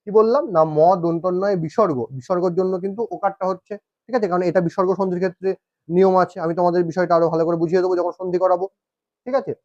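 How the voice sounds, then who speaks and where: A man's voice: sits high, steady tone, rapid-fire, darkish tone, dry recording. A man teaching Bengali spelling for competitive exams, repeating each point and checking in with his students. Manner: repeats points, asks "ঠিক আছে?" often. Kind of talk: exam-prep grammar lesson. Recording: dull, lo-fi sound.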